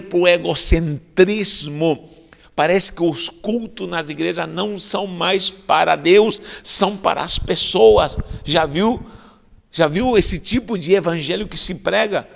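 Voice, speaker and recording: A man with a high, gravelly voice preaches a fervent sermon, his words trailing into the long reverb of a large church hall. He speaks as a pastor and keeps breaking into exclamations of praise.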